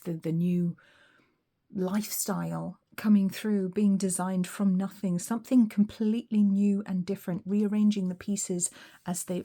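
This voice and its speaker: A tarot reader lays out cards in a relaxed solo session, musing aloud with frequent ums. Her voice is on the low side, a little weak and hoarse.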